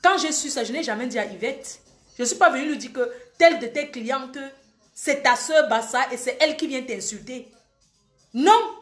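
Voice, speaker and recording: Faint music and an echoey room surround a young woman from Cameroon as she hosts a live stream, pressing hard and repeating warnings to her audience in a scolding, emphatic rant. Her voice is high and her speed normal.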